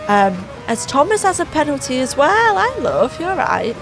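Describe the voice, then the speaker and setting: A gaming channel host, a woman losing her voice, provides sarcastic, exasperated voice-over commentary on a racing game over clear background music. Her voice is high and very animated at a moderate pace, and the recording is rough.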